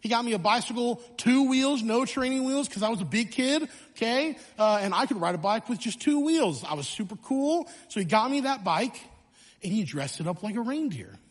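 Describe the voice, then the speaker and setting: Man, high voice, animated church storyteller, self-mocking humor, reverberant hall. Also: normal speed. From Illinois, USA. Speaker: church speaker. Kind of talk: sermon announcements and storytelling. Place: church sanctuary.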